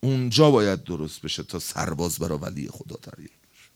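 Lively intonation and vocal fry mark this man's sermon as he tells a story to a gathering in a colloquial, fervent manner. His voice moves from loud, high emphasis down to low asides.

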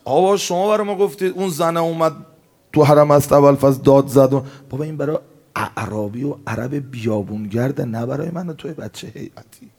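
A man delivers a religious sermon with fervent passion. His pitch sits mid-range, and he swings from hushed, slowed storytelling to loud, emphatic outbursts. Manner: impassioned, rises to emphatic outbursts then drops low. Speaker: preacher.

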